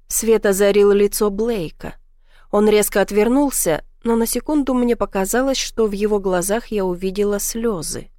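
A woman's voice: medium pitch, moderate pace, mellow, dry recording, studio quality. A woman narrating a first-person novel as an audiobook, reading emotively.

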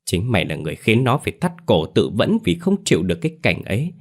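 Old grandmother, harsh scold, man reads her, deep voice. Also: animated, fairly quick. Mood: angry scolding.

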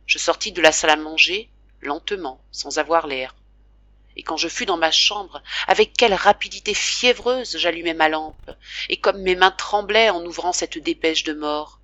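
A woman reading a classic novel aloud as audiobook narrator, in a slow, emotive, dramatic manner. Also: lowish voice, pushed and bright, no echo. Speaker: audiobook reader.

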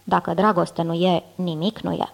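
A gruff old male monster, played by a woman reader grumbles in a folksy, drawling way. He scolds his young nephew with rough fondness. This is a storybook audiobook reading. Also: fairly low pitch, flat delivery. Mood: grumbling.

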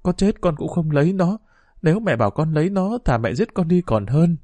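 A young village woman from a storybook, cornered but firm, her words set hard in refusal, as a male narrator puts her on. The voice sits higher than the reader's own, held fairly soft, in a dry close sound. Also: lively intonation, fairly quick, no room sound. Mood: defiant.

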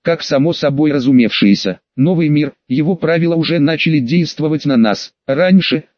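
A man narrating an audiobook in a steady, even reading voice. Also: on the high side, moderate pace, no echo. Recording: dull, dry lo-fi recording.

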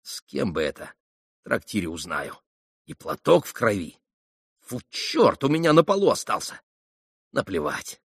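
A sensible young official, played by a male audiobook reader, muttering his irritated thoughts in a low, quiet voice. The recording is dry and close, with no room sound. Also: wildly swooping pitch, normal speed, long pauses, slightly rough, no room sound, exaggerated voice. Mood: grumbling. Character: sober, sensible young official, grumbling to himself.

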